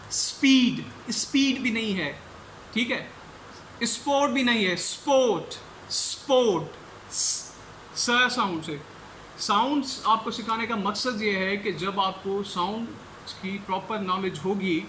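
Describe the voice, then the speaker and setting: A man teaching English pronunciation, explaining in Urdu and repeating each English word slowly to demonstrate it. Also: sits high, bright, forceful tone, roomy sound, slight background noise, rough recording. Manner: switches between Urdu explanation and English examples. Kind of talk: pronunciation lecture.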